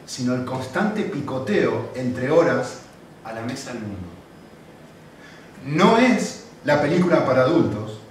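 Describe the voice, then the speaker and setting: A man preaching a sermon, telling stories in an animated way with acted-out quotes. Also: medium pitch. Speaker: pastor. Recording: very echoey hall, distant mic, faint noise.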